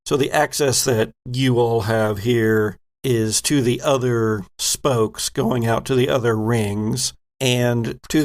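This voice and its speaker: With a mid-range, gravelly voice, a man acts as game master for a tabletop game, setting scenes through deliberate narration sprinkled with frequent fillers.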